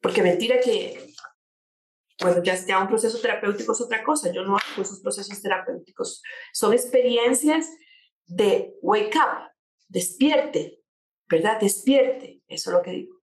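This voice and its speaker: A woman's voice: mid-range voice, normal speed. A woman speaking as a coach on changing attitudes, explaining her points with rhetorical questions and everyday examples. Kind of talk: conversational talk show guest. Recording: echoey room.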